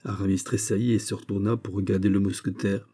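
A man narrating a classic novel as an audiobook, in a measured and steady way. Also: on the low side, breathy edge.

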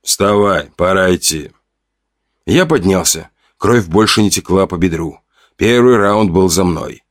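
A man narrating a first-person audiobook story in a steady, measured way. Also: sits low, dry recording, clean studio sound.

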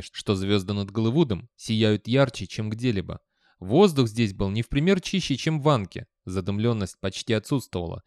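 A man's voice: lowish voice, a little mellow, no echo. Man narrating an audiobook, dry sound.

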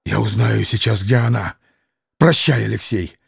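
A man's voice: fairly low pitch, moderate pace, gravelly, slightly rough, no echo, clean studio sound, voice pushed down, exaggerated voice. A man voicing a hot-tempered, violent young man who bursts out in heavy, gasping, vehement lines. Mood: grim defiance.

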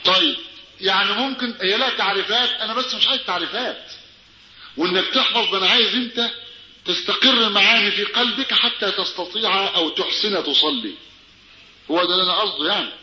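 A man with an Egyptian Arabic accent teaches a religious lesson quickly and animatedly, firing rhetorical questions at his listeners. His voice is high and very bright. It is captured in a dull, roomy recording. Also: slight background noise. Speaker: preacher.

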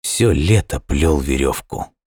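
A man voicing a timid, exhausted hare in an audiobook, speaking quietly. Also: deep voice, sing-song, slow, breathy edge, no echo, clean studio sound, exaggerated voice. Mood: timid fear. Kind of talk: audiobook character voice.

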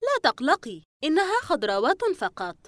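Brief: a high, teasing young friend read by a woman for an audiobook, lively and dry. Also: moderate pace, no room sound, exaggerated voice. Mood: reassuring.

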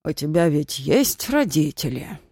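A reader putting on a gruff, stern colony chief. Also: medium pitch, big pitch swings, darkish tone, no room sound, studio quality, exaggerated voice. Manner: gruff, slow and measured. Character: stern older man, head of a youth colony.

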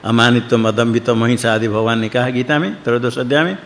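Man, mid pitch, spiritual teacher, rambling repetitive discourse, recites sanskrit verses, long hall reverb. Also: fast talker, vocal fry, a little hiss or hum. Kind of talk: scripture discourse in Hindi.

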